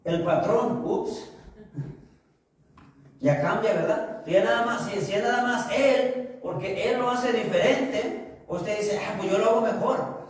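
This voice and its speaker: A man preaching a sermon as pastor, asking the congregation questions and answering them himself, slowing down to stress key phrases. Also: high voice. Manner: slows down for emphasis on key phrases. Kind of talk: sermon with humorous anecdotes. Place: church sanctuary. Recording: echoey church hall, distant mic.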